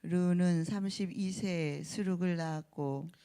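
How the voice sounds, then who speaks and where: Congregant reading scripture aloud in turn, mellow smooth voice, steady delivery. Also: medium pitch, measured pace.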